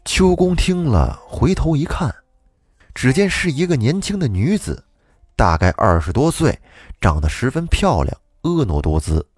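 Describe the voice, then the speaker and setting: A man's voice: mid-range voice, measured pace, husky, dry recording. A man telling a classic folk tale as host, acting out the characters with a shifting voice. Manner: lively, acts out characters with shifting voice. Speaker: storyteller host.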